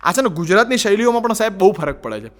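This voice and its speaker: A man's voice: high voice, big pitch swings, fast talker. A man with a Gujarati accent performing a stand-up comedy routine, telling stories with put-on voices and broken English.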